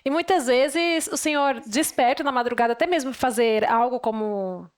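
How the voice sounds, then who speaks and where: A Brazilian woman hosting a talk show, reflecting in a gently preaching way. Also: sits high, moderate pace. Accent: Brazilian Portuguese. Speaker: show host. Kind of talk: casual talk-show chat.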